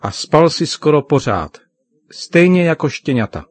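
A man voicing a gentle mother in a children's story, explaining softly to her son. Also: on the high side, sing-song, voice pushed up. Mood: tender.

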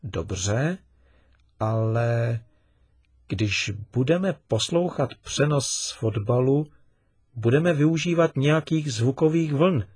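A man voicing a patient father who gently questions his son in a storybook reading. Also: medium pitch, lively intonation, slightly rough, no echo, voice pushed up. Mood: questioning. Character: patient, gently teasing middle-aged father.

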